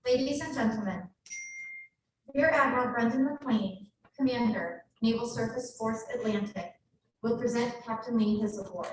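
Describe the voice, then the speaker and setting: A woman serving as master of ceremonies, making measured, formal announcements. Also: a little high, slight background noise. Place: large ceremony hall. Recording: echoey hall from far off.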